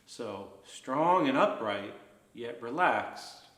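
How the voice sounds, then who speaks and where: A man instructing a guided breathing practice in an unhurried, gently reassuring manner. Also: mid-range voice, expressive, roomy sound.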